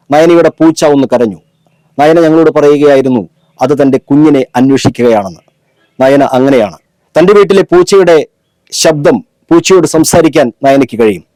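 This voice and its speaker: Male field reporter, measured formal voice-over, dark timbre, dry close mic. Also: a little high, no room sound. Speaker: news reporter. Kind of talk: scripted news narration.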